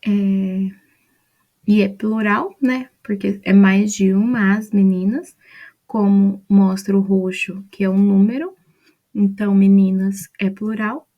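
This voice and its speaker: A woman's voice: medium pitch, fairly even intonation, takes it slowly, muffled recording. A woman with a Brazilian Portuguese accent, patiently explaining grammar rules step by step from a mind map. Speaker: student presenting a study mind map.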